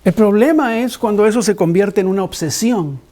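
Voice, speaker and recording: A man preaching a sermon, a pastor who tells a personal story with lively acted-out dialogue and frequent restarts. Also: high voice, normal speed.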